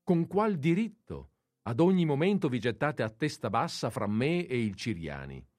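A man reading aloud and voicing a sharp-tongued, flirtatious society lady in a mocking, teasing tone. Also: big pitch swings, normal speed, no echo, clean studio sound, lightly acted. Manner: mocking and teasing, raised pitch.

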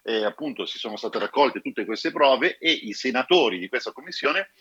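A foreign correspondent, a man, speaking over a phone line in a live radio interview and explaining events in a measured way. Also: mid-range voice, expressive, fairly bright tone, husky, dry recording. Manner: explanatory, measured, addresses listeners directly. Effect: heard over a phone line. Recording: dull, muffled phone line.

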